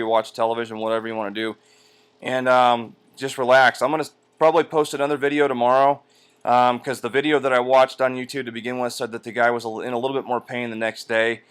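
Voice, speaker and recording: A man talking casually in a personal vlog, halting with drawn-out hesitations, sore and medicated as he rests after surgery. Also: medium pitch, a bit bright, clean tone. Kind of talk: casual personal vlog, recounting his experience. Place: indoors at home on a couch by a window.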